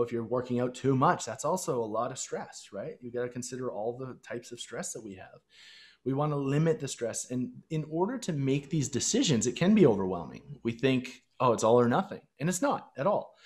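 Earnest man coaching over a headset. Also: mid-range voice. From Canada. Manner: earnest, coaching, talks straight to listeners. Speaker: fitness and lifestyle coach guest. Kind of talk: podcast interview over video call. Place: small home room. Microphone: headset on a video call.

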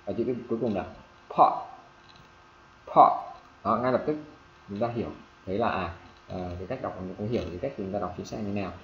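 A man teaching English pronunciation to a class, repeating examples and checking often whether students follow. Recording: echoey room, dull low-fi sound, faint hiss.

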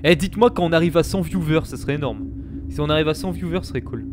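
A man hosting a live let's-play, chatting to his viewers and reacting excitedly to the game. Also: a little high, fast talker, noisy background. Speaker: gaming streamer, host.

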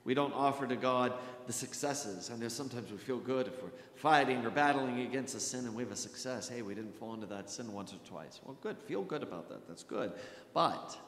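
Here a middle-aged American Lutheran pastor gives a sermon at the pulpit, his medium-pitched voice expressive and emphatic. Repetition and dramatic pauses shape his delivery, which frequently falls to a near whisper. Sound comes from a gooseneck pulpit microphone in a reverberant church hall with background hiss.

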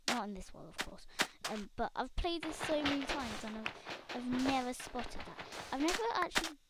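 A young woman, chatting excitedly to viewers while she plays a game. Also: high voice. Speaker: gaming channel host. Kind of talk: casual gameplay commentary. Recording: loud background noise.

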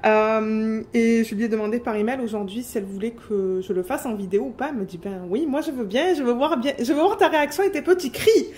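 A woman chatting excitedly on her home craft vlog, filling pauses with fillers and breaking into squeals. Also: a little high. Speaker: diamond painting vlogger.

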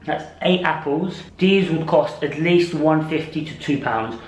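A man's voice: a little high, measured pace, roomy sound, poor audio. A man in casual vlog chat, enthusiastic and chatty, laughing often as he shows his shopping. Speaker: vlogger.

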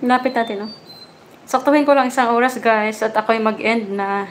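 A woman's voice: on the high side, moderate pace, slight background noise. A woman hosting a casual livestream, chatting with viewers and cooing baby talk at her puppy. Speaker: livestream host.

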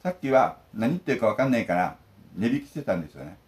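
Chatty middle-aged man with lively pitch. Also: fast, poor audio. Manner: talkative, lively storytelling. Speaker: bento shop manager. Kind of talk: casual chat. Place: bento shop.

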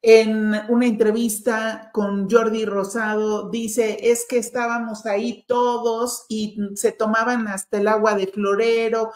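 A woman interviewer, asking measured, probing questions. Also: a little high, little pitch movement, a little mellow, echoey room.

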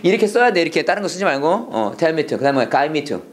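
A Korean speaker drills a class on English prayer phrases, calling out lines for students to echo back. The pace is brisk, the pitch is medium, and the intonation swings widely.

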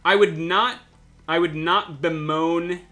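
A man's voice: a little high, fairly even intonation, slow pace, pushed and bright. A man playing a video game, making sarcastic jokes to himself and swearing as he plays. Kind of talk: casual let's-play commentary.

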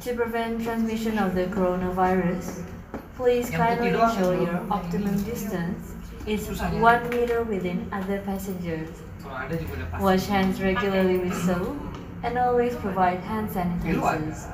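Woman, airport announcer over a PA system, very slow and measured, echoey with faint hiss. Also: medium pitch, steady tone, a crowd in the background.

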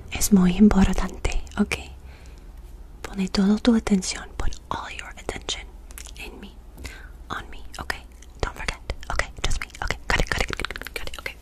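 Casting: young female ASMR artist, whispered role-play as a healer, breathy and close-miked, fast and insistent, commanding, with rapid-fire repetition. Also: mid-range voice, flat delivery. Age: young adult. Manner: commanding, directing the listener to focus. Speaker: ASMR performer playing a reiki healer. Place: small dark room indoors. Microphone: close desk microphone.

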